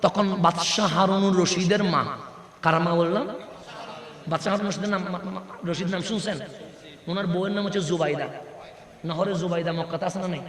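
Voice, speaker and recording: A man preaching a sermon, asking his audience questions and answering them himself, building up to loud shouted peaks. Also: high-pitched, steady tone, normal speed, long pauses. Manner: call-and-response questions to the crowd, rising to shouts. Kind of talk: sermon at a religious gathering. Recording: echoey hall with long reverb.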